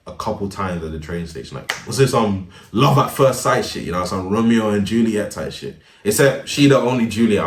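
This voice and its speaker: Young man, casual storytime narrator, very low voice, slangy and laid-back, set back from the mic. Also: far from the mic, a little hiss or hum. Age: young adult. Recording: roomy, a bit off-mic.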